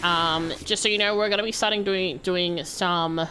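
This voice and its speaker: A woman's voice: on the low side, steady tone, normal speed, bright, forceful tone, slight background noise. A woman livestreamer chatting casually over a game stream with a cute, bubbly anime-streamer manner.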